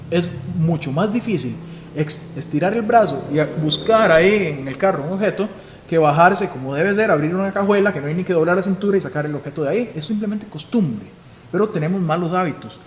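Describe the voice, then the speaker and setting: A man's voice: high voice, fairly quick. Male Costa Rican police chief, instructive seminar speaker, roomy hall with faint background noise. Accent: Costa Rican Spanish. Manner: instructive, asks and answers his own questions. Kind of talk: live seminar lecture.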